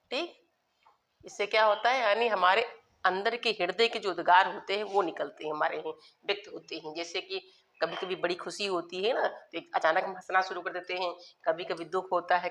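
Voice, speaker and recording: A woman's voice: lowish voice, a bit bright. A woman teaching a grammar lesson, spelling words out letter by letter and repeating key terms as she explains. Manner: addresses students as children, asks and answers own questions.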